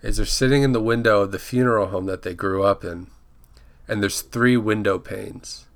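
A man's voice: lowish voice, fairly even intonation, moderate pace, gravelly. A man co-hosting a casual podcast, recapping a TV episode in a rambling way and often correcting himself. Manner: rambling, restarts and self-corrects names. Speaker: podcast co-host.

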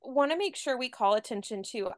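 A woman's voice: fairly high pitch, lively intonation, a little fast, no echo, clean studio sound. A young adult woman chatting as a podcast guest, telling stories with lots of "like" and laughter. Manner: chatty storytelling with frequent "like" and laughs. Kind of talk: casual chat.

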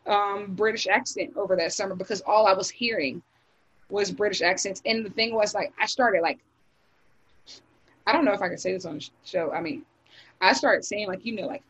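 A woman's voice: medium pitch, fairly bright tone, husky, lo-fi sound. A young woman from the United States in casual group chat on a podcast, talking in long runs with many fillers and restarts.

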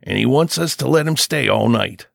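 Man doing gruff heavy-set farmhouse father, blunt rough manner, audiobook character, dry close sound. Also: medium pitch, lively intonation, normal speed, a bit bright, no room sound. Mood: relenting.

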